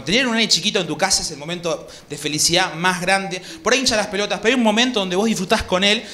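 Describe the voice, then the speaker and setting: Animated Rioplatense stand-up comedian. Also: male voice, high-pitched. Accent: Rioplatense Spanish. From Argentina. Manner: animated, slangy, acts out voices. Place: comedy club stage. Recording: live club with audience laughter.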